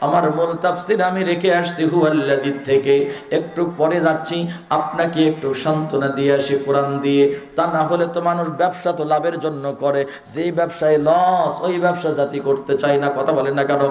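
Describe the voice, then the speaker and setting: A man's voice: on the high side, steady tone, moderate pace, darkish tone, roomy sound. A man preaching an emotional sermon, rising and repeating phrases and chanting verses in a melodic sing-song.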